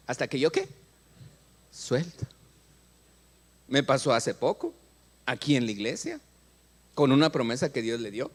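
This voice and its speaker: A middle-aged man with a Mexican accent preaching a sermon in a church, acting out prayers and questioning the congregation. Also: medium pitch. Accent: Mexican Spanish. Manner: animated, acts out prayers and dialogues, asks the congregation questions. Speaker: pastor.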